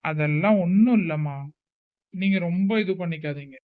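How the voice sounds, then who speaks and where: A man's voice: fairly high pitch, moderate pace, lightly acted. A man playing a strict protective older brother. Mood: explaining, defensive. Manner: scolding, raised voice. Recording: tinny phone-like recording.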